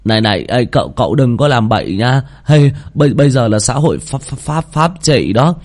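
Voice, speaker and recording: A man's voice: mid-range voice, animated, brisk, a little mellow, voice pushed up, lightly acted. A man voicing a panicky young male student who stammers and trips over his words in an audio story. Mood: panicked. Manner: stammering, flustered.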